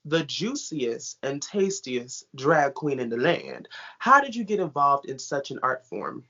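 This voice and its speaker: A man's voice: medium pitch, huge pitch swings, measured pace, creaky, pushed and bright, breathy edge. A man hosting a casual interview, playful and encouraging as he hypes up his guest. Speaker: interviewer, host. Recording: dull lo-fi audio.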